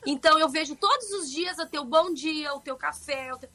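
A woman's voice: high-pitched, moderate pace. A middle-aged woman, a guest in an interview who talks expressively and at length, often restarting her sentences. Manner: expressive, talkative, frequent restarts. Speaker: guest, fashion seller and social media influencer. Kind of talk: animated conversational interview.

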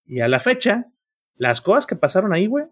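A man's voice: high voice, big pitch swings, brisk, a bit bright, husky. A man in his thirties with a Mexican accent, a podcast co-host who talks earnestly to his friends and fills every phrase with slang. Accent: Mexican Spanish. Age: 30s. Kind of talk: casual chat.

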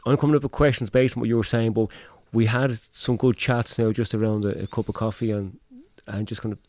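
A man's voice: lowish voice, fairly even intonation, a little fast, a little mellow, dry recording. A man interviewing in a casual, chatty way, with tentative, rambling phrasing.

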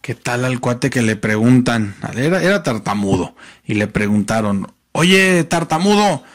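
A man with a Mexican accent telling jokes at an unhurried pace. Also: lowish voice, dry recording, clean studio sound. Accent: Mexican Spanish. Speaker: joke teller.

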